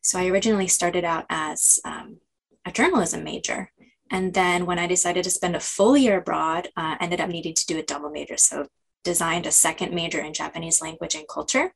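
An American woman speaks as a podcast guest, friendly and relaxed. Her voice sits a little low for a woman. She talks casually, with the odd filler and laugh. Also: brisk, vocal fry, husky. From United States. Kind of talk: casual interview talk.

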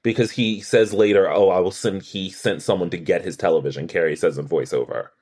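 Low, husky and a little mellow, this man's voice stays fairly even as he talks fairly quickly. He's a podcast co-host casually recapping a TV episode, picking it apart analytically with many restarts and quoted lines.

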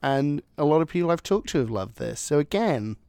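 A man's voice: a little high, expressive, a little fast, gravelly, dark tone, smooth, dry recording. A man co-hosting a podcast, chatting casually about a film, rambling and laughing as his thoughts trail off. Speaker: podcast co-host. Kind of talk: casual film review chat.

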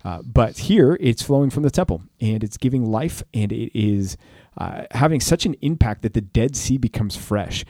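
A man's voice: medium pitch, lively intonation, normal speed, hardly any pauses, mellow, no echo, clean studio sound. A man co-hosting a casual, conversational Bible discussion in a playful, bantering manner. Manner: playful, bantering, breaks into snatches of song. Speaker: podcast co-host teaching the Bible.

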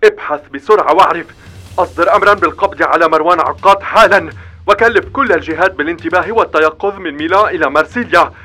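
A man's voice: on the high side, fast, sharp tone, voice pushed up. A man voicing a domineering male French official who barks orders with scorn, with faint music behind. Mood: furious. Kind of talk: audiobook dialogue.

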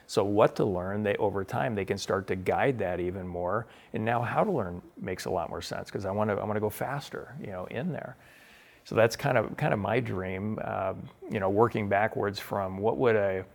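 A man's voice: on the low side, creaky. A middle-aged man, a guest author, answering interview questions in an earnest, enthusiastic way with frequent restarts.

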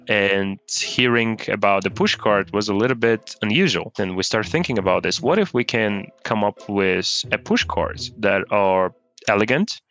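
Bright, crisp-voiced man from Kazakhstan. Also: lowish voice. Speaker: founder, guest. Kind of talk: interview answers.

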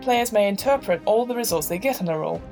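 A woman running a tabletop game, explaining rules briskly and laughing readily. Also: mid-range voice, animated, dark tone, soft background music. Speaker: game master.

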